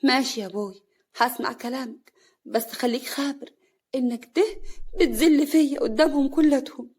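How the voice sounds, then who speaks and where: A woman voicing a tearful, mistreated young wife with an Upper Egyptian accent, high and pleading. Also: moderate pace, darkish tone, breathy edge. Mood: resigned. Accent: Upper Egyptian Arabic.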